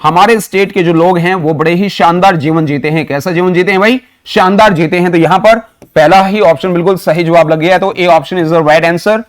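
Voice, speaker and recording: In an online vocabulary lesson, a man with an Indian accent teaches English words through mnemonics, mixing Hindi with English phrases and answering his own questions. His voice is high-pitched and moderately paced.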